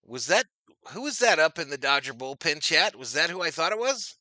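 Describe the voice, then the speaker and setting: A man doing casual live-stream baseball play-by-play, chatting with viewers and getting loud on big plays. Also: a little high, big pitch swings, fairly quick, no room sound.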